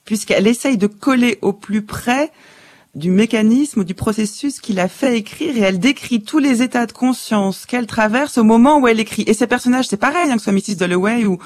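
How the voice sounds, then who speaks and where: A woman hosting a radio interview, asking measured, articulate questions. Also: on the high side, a little mellow. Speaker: radio host. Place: radio studio.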